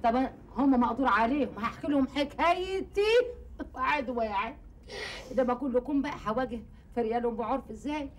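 An actress playing a bossy, meddling middle-aged housewife who wails and laments theatrically in a TV comedy. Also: female voice, fairly high pitch, fast talker, recorded from a distance, a little hiss or hum, natural voice. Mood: wailing.

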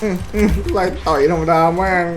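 A man giving loud, excitable gameplay commentary, swearing constantly and yelping as he plays. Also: high voice, moderate pace. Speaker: gaming YouTuber. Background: game music.

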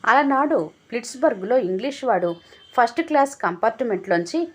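A woman's voice: a little high, animated, brisk. Woman narrating an audio story.

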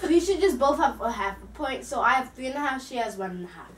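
High female voice in an echoey room. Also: animated, quick pace, far from the mic, slight background noise. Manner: chatty, keeps score, restarts sentences. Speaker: contestant in a food guessing game. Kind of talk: casual chat.

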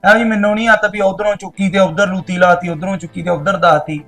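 A man's voice: sits high, fairly even intonation, fast, a bit bright, faint music behind. An actor playing a young soldier husband who answers his wife in a curt, guarded, dismissive way.

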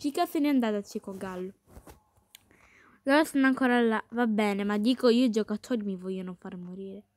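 A woman giving excitable, chatty commentary while playing a game, talking to her viewers and to the game characters. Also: mid-range voice, fairly quick, few pauses. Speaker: gaming streamer. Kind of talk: playful gameplay commentary.

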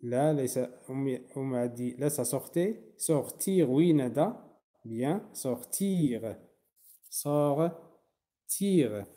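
A man teaching French to his class, slow and patient, spelling verb endings out letter by letter. His voice is dark and mellow, and he takes his time over every word. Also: medium pitch, expressive. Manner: switches between French and Arabic to explain. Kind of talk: online language class.

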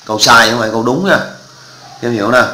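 A man's voice: medium pitch, fast, pushed and bright, reverberant, a little hiss or hum, low-quality recording. A male math teacher, walking through exam answers step by step and often checking that students follow. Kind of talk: exam walkthrough lesson.

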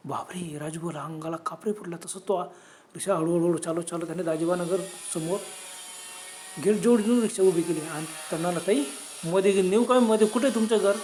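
A man's voice: high-pitched, a little mellow, a little hiss or hum. A man telling a horror story in a conversational tone, with dramatic exclamations.

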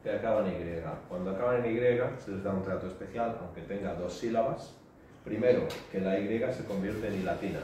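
A man's voice: sits low, brisk, dark tone. A male teacher giving a classroom grammar lesson, repeating words and quizzing his students. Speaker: English teacher. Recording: roomy echo, distant mic, faint noise.

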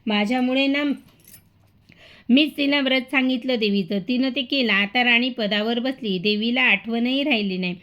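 A woman's voice: fairly high pitch, moderate pace, lightly acted. A woman voicing a poor, angry old beggar woman who scolds bitterly, with little change from her own voice. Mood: bitter, scolding. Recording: dull lo-fi recording.

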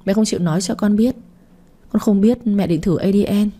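A woman's voice: mid-range voice, fairly quick, warm tone, lightly acted. A remorseful spoiled daughter, read by a woman. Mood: apologetic. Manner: apologetic, tearful. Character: spoiled young adult daughter, remorseful and tearful. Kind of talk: audiobook reading.

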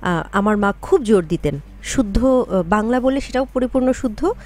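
Brief: woman radio guest, slightly high voice, careful wording, many pauses. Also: lively intonation, a little mellow. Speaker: interview guest. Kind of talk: conversational radio interview. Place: radio studio.

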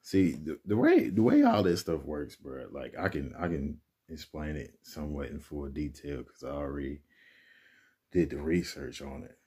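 A man's voice: very deep voice, sing-song, moderate pace, mellow. A young man vlogging casually at home in his apartment, rambling in slang while moving furniture and a bit out of breath. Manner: laid-back, rambling with slang and restarts. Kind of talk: casual vlog chat. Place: apartment bedroom, indoors.

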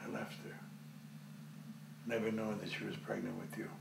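An actor playing a gruff older man who is an estranged father, asking blunt, probing questions. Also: fairly low pitch, little pitch movement, moderate pace, echoey room, noisy background. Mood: somber. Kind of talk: film drama acting.

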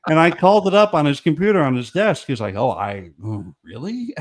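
Speaking over a video call with a studio mic from a small home room, a middle-aged man who writes comedy chats casually as a guest, telling stories, often laughing and frequently starting over. His voice is slightly high with big pitch swings at normal speed, and there's a little background noise.

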